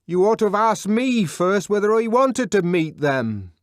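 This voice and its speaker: A man voicing an exasperated young man who shouts flat refusals through a door with derisive ferocity. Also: sits high, a little slow, no room sound, clean studio sound, pitched above the performer's own voice. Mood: furious shout.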